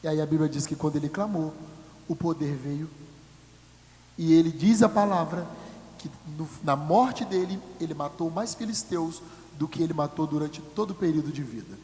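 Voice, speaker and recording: Brazilian male pastor, high voice, booming hall, jokey sermon, mimics congregants. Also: moderate pace. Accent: Brazilian Portuguese. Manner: humorous, acts out congregants' voices; swings from shouted to quiet. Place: church hall.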